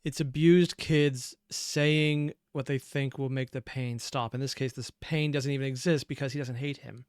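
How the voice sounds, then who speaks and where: A man hosts a reaction video, picking apart what he's watching as he thinks aloud and often letting sentences trail off unfinished. His voice is medium-pitched, steady, clear and resonant, at a normal pace. The recording is studio quality with no room sound.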